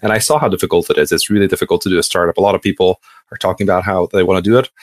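Speaking low in a studio-quality recording with no room sound, a Hungarian man in his thirties tells his story as a podcast guest. He's casual and hesitant, often restarting what he says.

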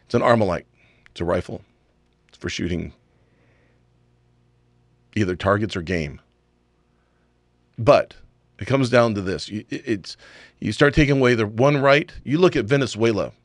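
A man's voice: lowish voice, expressive, normal speed, long pauses, no room sound, clean studio sound. A man hosting a talk radio show, ranting emphatically and firing off rhetorical questions. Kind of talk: opinionated talk radio chat.

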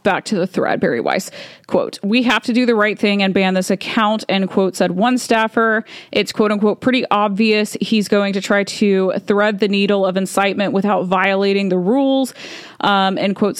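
A woman's voice: medium pitch, clean tone, no room sound, studio quality. A woman vlogger reading documents aloud with opinionated commentary, with frequent ums and punctuation read out.

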